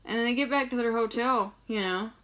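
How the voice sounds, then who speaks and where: A young woman with a slightly high voice, chatting loosely to her audience. She swears freely and keeps circling back with fillers as she tells stories in a relaxed, rambling way. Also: fairly quick. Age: young adult. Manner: loose, profane storytelling with many fillers. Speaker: vlogger. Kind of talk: casual rambling monologue.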